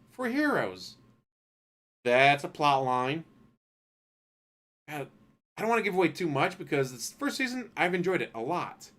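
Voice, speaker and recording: In a loose, profane spoken review of an anime, a man rants casually and acts out characters in quick asides. His voice sits in the mid-range and is a bit bright.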